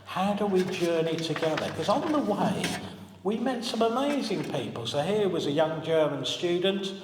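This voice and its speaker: Man, 40s, preaching, chatty and humorous, fairly high voice, echoey church hall. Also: expressive, moderate pace, a little hiss or hum. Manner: chatty, humorous storytelling, asks the congregation questions. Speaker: minister. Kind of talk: sermon. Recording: echoey hall, long reverb.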